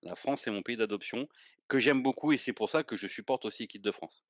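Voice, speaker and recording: A man's voice: mid-range voice, a little fast, dry recording, muffled recording. A man co-hosting a casual football chat, rambling and hesitant with many fillers and repeated words, heard over a remote call. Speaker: podcast co-host.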